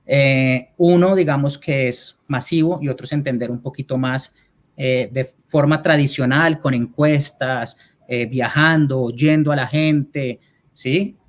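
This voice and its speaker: A man with a Colombian accent speaks at a measured pace in a medium pitch with fairly even intonation. As an advertising executive guest-speaking online, he answers audience questions in an explanatory way, frequently checking that people are with him.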